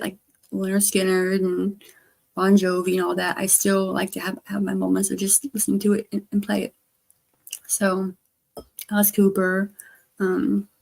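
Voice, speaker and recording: A woman livestreamer chatting casually in a halting, rambling way, her speech slightly slurred by missing front teeth. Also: medium pitch, gravelly, a little mellow. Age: adult, grown past teens. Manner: halting, trailing off with repeated stammered starts.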